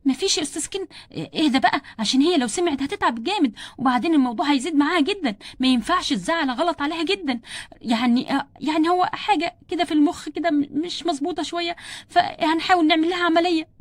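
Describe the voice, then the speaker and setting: A woman voicing a hesitant female doctor with an Egyptian accent, halting and soothing as she breaks bad news. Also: sits high, dry recording, lightly acted. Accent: Egyptian Arabic. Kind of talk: doll play storytelling.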